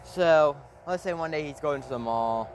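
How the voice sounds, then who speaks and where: A man's voice: a little high, normal speed, noisy background. A man casually narrating a made-up fan story, rambling, with fillers and the odd swear word.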